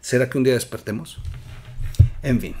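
A man with a Mexican accent hosting a political commentary show, emphatic, with loud outbursts and quiet asides. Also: medium pitch, normal speed. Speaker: news commentary host.

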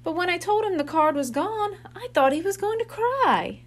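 Worried older boy in a storybook, earnest and unhurried, high light voice, read by a woman. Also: big pitch swings. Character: friendly older boy babysitting siblings.

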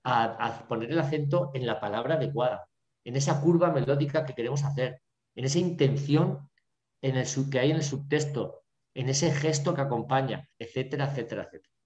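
Teacher lecturing over an echoey video call. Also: male voice, mid-range voice, fairly quick, a little mellow, muffled recording. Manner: filler-heavy, constantly checking in with "¿vale?" and "¿no?". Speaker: drama teacher giving a lecture.

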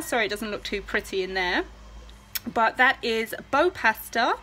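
A woman's voice: on the high side, bright, forceful tone, slight background noise, rough recording. A woman in her thirties chatting casually to a phone camera in her home kitchen, friendly and full of fillers. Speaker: home cooking vlogger. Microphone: phone held at arm's length.

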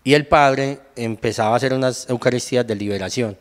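A young Colombian man with a Paisa accent shares his testimony as a guest in casual conversation, telling it with animation and acting out what he said back then. His medium-pitched voice is brisk, and the sound has a big-room quality.

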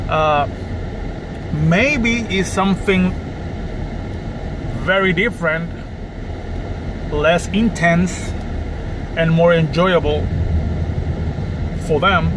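Slow-talking trainer man in a car. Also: on the high side. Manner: slow, thoughtful, gestures with hands. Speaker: personal trainer. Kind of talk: casual talk to camera. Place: parked car, indoors. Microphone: camera on the dashboard. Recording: car interior with clear air-conditioning hum.

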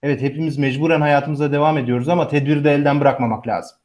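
A male actor plays a weary, kindly brother in a radio play. His voice sits a little high for a man, with an earnest, familiar delivery. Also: fairly even intonation, racing, darkish tone, close to an everyday voice. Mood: weary, caring. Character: weary, kindly adult brother working hospital shifts. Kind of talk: Turkish radio theatre acting.

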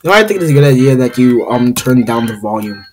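A woman commentating on a video game, swinging from quiet mumbling to frustrated yelling. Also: a bass voice, lively intonation, fast. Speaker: gaming video host. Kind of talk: gaming commentary.

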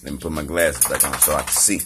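A man's voice: a bass voice, fairly even intonation, quick pace, heavy background noise. A man from Mississippi with a Southern accent, rambling and swearing on a live video. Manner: profane, rambling, keeps saying "you feel me". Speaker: live streamer.

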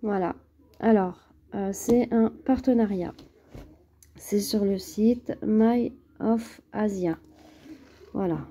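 A woman who has a cold sits at a table at home unboxing a craft kit, chatting casually and hesitantly to camera with lots of fillers and restarts. Her mid-range voice is mellow and slightly rough.

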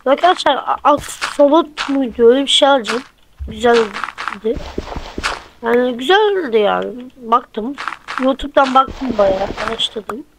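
Speaking a little slowly, a woman with a fairly high voice gives loose, chatty let's-play commentary while building, counting out blocks and correcting herself. Hiss runs steadily under the recording, and clicks pop over it.

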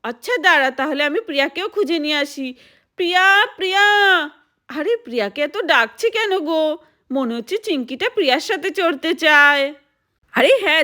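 A woman telling a lively doll play story and voicing all the dolls. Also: sits high. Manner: lively, plays every doll's voice.

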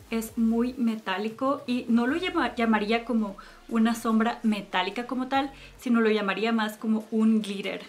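A woman giving a chatty makeup tutorial and product review, fond of cute diminutives. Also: fairly high pitch. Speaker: beauty vlogger.

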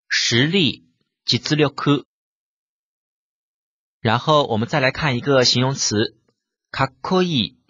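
A man teaches vocabulary in a husky, animated voice, and his pitch rises and falls often. He works methodically through each example and explains it. The recording is dry and a little dull, with a lo-fi sound. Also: dry recording. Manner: methodical, reads example sentences then translates them. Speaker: language teacher. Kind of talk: vocabulary lesson explaining Japanese words.

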